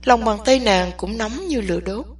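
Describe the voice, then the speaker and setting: Breathy female audiobook narrator. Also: a little high, moderate pace, far from the mic. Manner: expressive storytelling. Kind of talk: novel narration.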